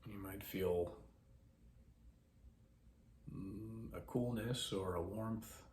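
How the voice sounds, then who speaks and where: Man, mindfulness teacher, guided meditation, deep low voice, slow calm pauses, roomy echo. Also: slight background noise. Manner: slow, calm, pausing instructions. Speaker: mindfulness instructor.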